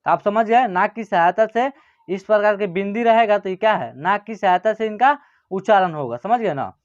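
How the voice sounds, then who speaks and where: A man teaching a reading lesson who says each word slowly and twice, checking often that listeners follow. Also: high-pitched, expressive. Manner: often adds "ठीक है ना" and "समझ गए ना". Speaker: Hindi teacher. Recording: muffled lo-fi recording.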